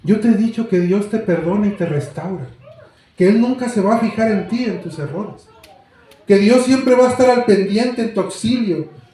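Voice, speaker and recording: A woman's voice: medium pitch, normal speed, warm tone, pitched above the performer's own voice, close to an everyday voice. A man voicing a patient, devoted wife, speaking tenderly. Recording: very echoey room.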